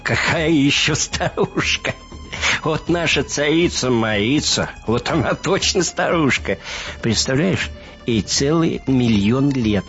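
A man's voice: fairly low pitch, big pitch swings, slow pace, heavily acted. A man voicing a giddy, delirious man who giggles and rambles. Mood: rambling. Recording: muffled recording with soft music.

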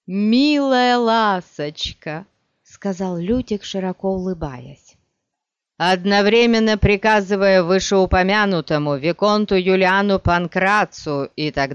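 Slow male audiobook narrator. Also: high voice, clear, resonant tone, no echo, lo-fi sound. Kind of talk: scripted fantasy narration.

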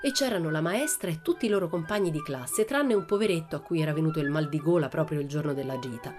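A woman narrating a children's novel aloud in an expressive storytelling manner. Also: deep voice, fast talker, over music. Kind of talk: audiobook reading of a children's novel.

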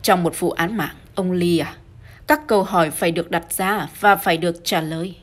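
A woman's voice: on the low side, moderate pace, lightly acted. A woman doing a firm older chief constable. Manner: firm and formal.

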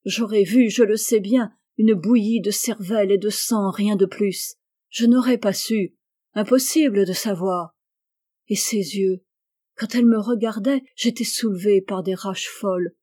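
A woman's voice: medium pitch, unhurried, dark tone, dry recording, studio quality, lightly acted. A woman voicing a tormented, jealous husband in a dramatic audiobook reading, with intense, obsessive outbursts. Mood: raging, obsessive. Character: jealous, tormented husband raging over his wife.

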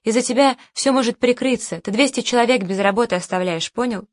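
A woman reading the part of an older male producer who hectors and bullies in crude, rough speech, in a dry recording. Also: fairly high pitch, fast talker, no room sound, lightly acted. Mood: ranting. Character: older male producer, loud, bullying and hysterical.

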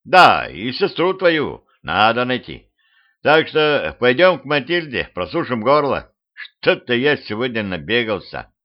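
A man's voice: mid-range voice, sing-song, unhurried. A man voicing a weary, kindly old man who hunts monsters, speaking in a raised, exasperated, pleading way in a homemade audiobook. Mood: good-natured. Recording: slightly dull lo-fi home recording.

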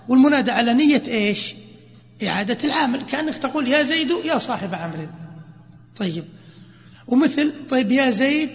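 High-voiced man teaching grammar in a hall. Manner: lively, quizzes students with questions. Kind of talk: classroom grammar lesson. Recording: dull lo-fi recording with hall reverb.

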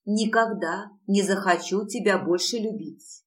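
A woman reading the lines of a desperate young male lover, hoarse and breathless as he pleads. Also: mid-range voice, unhurried, distant mic, lightly acted. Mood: pleading.

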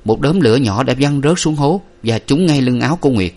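A man narrating a story aloud with a steady, expressive reading style. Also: medium pitch, a little fast.

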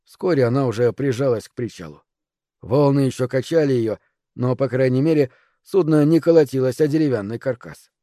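A man reading a first-person audiobook in a measured, even voice. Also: mid-range voice, no room sound, clean studio sound. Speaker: audiobook narrator. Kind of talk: scripted first-person narration.

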